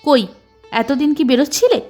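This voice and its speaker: A woman voicing a suspicious older wife who questions her husband with sharp, accusing retorts in a storybook reading. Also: high voice, big pitch swings, normal speed, soft background music.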